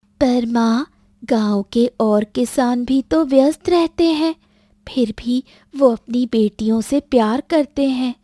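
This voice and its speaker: A woman's voice: fairly high pitch, takes it slowly, warm tone, dry recording, voice pushed up. A woman doing a hurt young village girl. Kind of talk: Hindi cartoon story dubbing.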